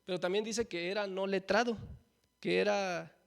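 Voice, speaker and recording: A man's voice: high voice, steady tone, moderate pace, gravelly, clean tone. A man preaching a conversational sermon, asking the congregation questions and often adding a folksy "¿no?". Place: church.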